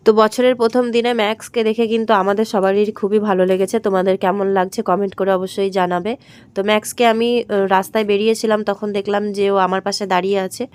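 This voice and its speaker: A woman with a hoarse throat, chatting straight to her viewers in a daily-life vlog voice-over recorded at home. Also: mid-range voice, flat delivery, fast talker, darkish tone. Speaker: vlogger.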